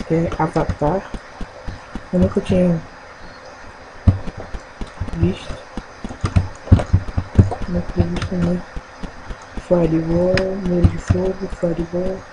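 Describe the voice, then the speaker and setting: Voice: medium pitch, noisy background. A gaming channel host with a Brazilian accent, giving rambling, casual commentary while playing and thinking aloud.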